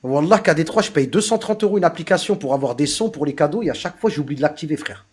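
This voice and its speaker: Fast, husky Frenchman talking street slang. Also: on the high side, animated. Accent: French suburban street. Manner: French suburb street slang, oath-heavy. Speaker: livestream host. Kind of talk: casual livestream group chat.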